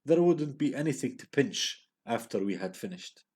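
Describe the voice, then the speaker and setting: A man's voice: mid-range voice, expressive, moderate pace, darkish tone, husky, pitched above the performer's own voice. A man reading a brooding, intense teenage boy. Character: quiet, intense teenage boy with a dark plan.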